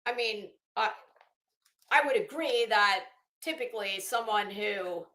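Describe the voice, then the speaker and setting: A woman with a medium-pitched, bright, forceful voice speaks unhurriedly in an echoey room, and the recording is rough. As a channel host, she gives casual, rambling commentary while reading a legal document, with a blunt, sarcastic, sweary manner.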